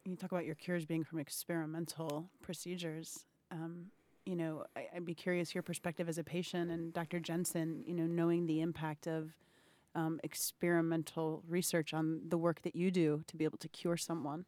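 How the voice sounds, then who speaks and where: A woman's voice: deep voice, little pitch movement, moderate pace, dark tone. Woman in her thirties interviewing. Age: 30s. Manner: friendly, searching questions with fillers. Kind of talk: recorded interview. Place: indoors, cultural center.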